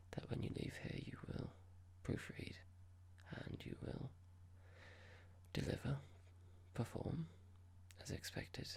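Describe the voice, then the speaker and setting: Cold and dismissive, this ASMR roleplay boss, a horrible, condescending young corporate type, speaks in a breathy whisper that is measured, pompous and formal. The performer's medium-pitched voice is exaggerated, with a gravelly texture and clicks.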